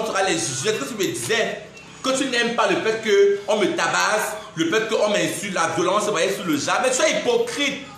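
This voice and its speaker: In a very echoey room, a social media personality in his twenties rants through a live video monologue in a Cameroonian French accent. His high-pitched voice sounds pushed and bright. He's indignant and mocking, laughing between jabs.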